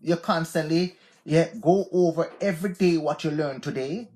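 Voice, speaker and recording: A man in his forties with a Jamaican accent hosts an unscripted live stream, offering motivational talk in a loose, repetitive style and often saying "yeah, man". His voice is on the high side with a darkish tone, at a moderate pace.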